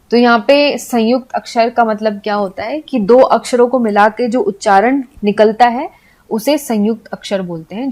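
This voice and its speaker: A woman's voice: a little high, darkish tone. A woman teaching an English pronunciation lesson, patiently explaining letter sounds and repeating each point with examples.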